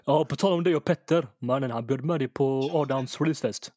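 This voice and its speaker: A man's voice: medium pitch, darkish tone, faint music behind. A man co-hosting a podcast, prodding his partner for the story and mixing in English phrases. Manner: prodding, quick to react, mixes in English phrases. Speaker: podcast co-host. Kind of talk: casual chat.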